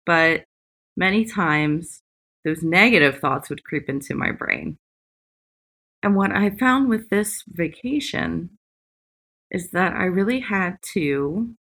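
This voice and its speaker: A woman hosts a reflective personal podcast from the beach, away from her usual gear. Her voice sits a little low with a bright, forward edge. She takes her time, very slowly setting out short phrases with pauses between them. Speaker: podcast host. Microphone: makeshift, not usual podcast equipment.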